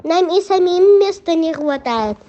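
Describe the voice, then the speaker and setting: Young female reader as a very high-voiced grudging peasant. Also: lively intonation, measured pace, warm tone. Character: reluctant peasant householder, grudgingly hospitable man. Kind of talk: children's folk tale reading. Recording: muffled lo-fi recording.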